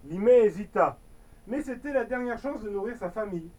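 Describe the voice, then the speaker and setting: A woman's voice: medium pitch, lively intonation, a little fast, mellow, distant mic, low-quality recording. A woman reading a fairy tale aloud, slipping into playful, chatty asides. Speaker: storyteller.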